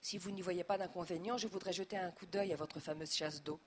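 A woman's voice: lowish voice, fairly even intonation, fairly quick, natural voice. A woman voicing a fussy middle-aged male headmaster who gets flustered. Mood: stiff. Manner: flustered, pleading.

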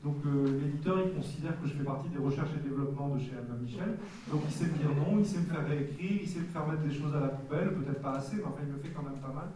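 Man in his forties from Nice, reflective guest; mellow tone, echoey hall, distant mic. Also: a little high, a little hiss or hum. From Nice, France. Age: 40s. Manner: reflective, candid, halting. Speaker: author guest at a public talk. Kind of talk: casual public Q&A.

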